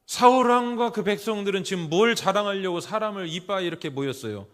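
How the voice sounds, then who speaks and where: A middle-aged man preaching a sermon in a church, emphatic, putting rhetorical questions to the congregation and swinging between loud exclamations and quiet asides. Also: sits high, animated, brisk. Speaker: pastor. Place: church sanctuary.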